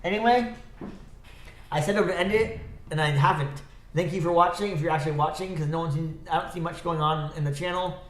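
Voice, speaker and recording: The man on this solo livestream chats fast and aimlessly, stopping, restarting, and correcting himself as he goes. His voice is fairly bright and a bit high, with a stuffy, slightly scratchy quality, and the space around him is echoey.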